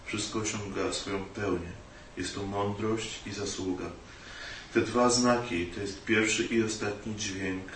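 A man's voice: on the low side, a bit bright. Male interpreter, hesitant delivery, distant mic in a roomy space, faint hiss. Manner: hesitant, many filler sounds. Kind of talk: consecutive interpreting of a dharma talk.

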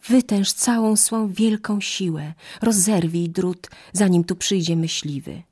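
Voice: medium pitch, unhurried, a little mellow, husky, voice pushed up. A narrator voicing a brave, loyal doe from a fable. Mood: pleading. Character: brave loyal female doe, gentle and pleading.

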